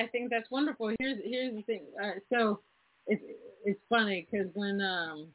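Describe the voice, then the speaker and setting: A podcast host with a mid-range voice chats casually with a guest, opinionated and animated as they tell stories. The interview sounds dry and tinny, like a phone line, with no room sound.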